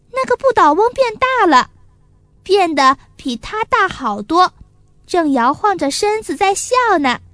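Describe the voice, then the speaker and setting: Woman narrator for a kids' storybook, very high voice, slow and expressive, dry close sound. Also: no room sound. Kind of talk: children's story reading.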